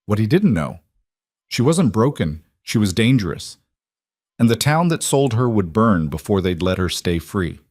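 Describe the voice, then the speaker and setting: A man narrating a Western story in a steady, dramatic scripted storytelling style. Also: fairly low pitch, normal speed, no echo, studio quality.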